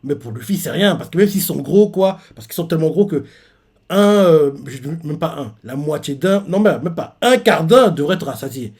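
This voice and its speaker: A man's voice: a little high, animated, normal speed, darkish tone, breathy edge. A man casually recapping a manga chapter live, with many fillers and restarts. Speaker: streamer reacting to a manga chapter.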